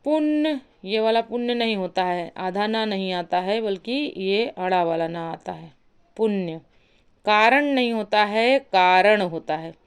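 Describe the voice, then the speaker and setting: A woman teaching a Hindi spelling lesson, slowly repeating and spelling out each word. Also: medium pitch, clean tone. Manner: slow, deliberate, repeats and spells out words.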